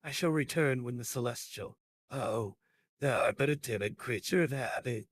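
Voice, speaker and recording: Synthetic man doing a pompous chatbot, theatrical, archaic phrasing, ordinary pitch. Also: normal speed, no echo, natural voice. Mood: grandiose. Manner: ornate, archaic, lecturing speech. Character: pompous flowery male chatbot, grandiose and theatrical.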